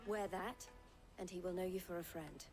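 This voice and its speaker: An actress playing a composed, formal woman trader in a video game, speaking in a measured, persuasive way. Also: on the low side, close to an everyday voice. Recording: game audio with music underneath. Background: game music.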